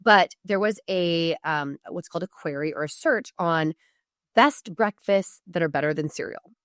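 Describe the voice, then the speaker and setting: With a lowish voice, lively intonation, and a moderate pace, the Oregon woman chats through business advice as a podcast guest, peppering it with emphatic asides and stopping herself mid-thought. The recording is dry and cleanly studio-made.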